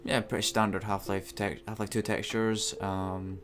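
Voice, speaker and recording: A man's voice: on the low side, flat delivery, moderate pace, over music. A man giving casual, chatty, sarcastic commentary while playing a video game. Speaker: let's play host.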